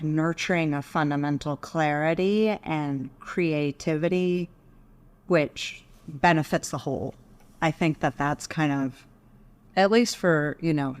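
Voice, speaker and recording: A middle-aged woman from Texas, USA, appears as a podcast guest, speaking thoughtfully and in a measured way in reflective interview talk. Her voice is deep and the tone is clean.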